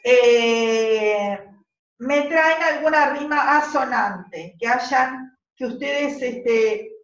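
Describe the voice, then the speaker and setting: Rioplatense woman teacher, high and unhurried, patient, repeats and checks in; distant echoey muffled classroom take. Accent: Rioplatense Spanish. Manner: slow, patient, repeats key points and checks understanding. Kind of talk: classroom lesson.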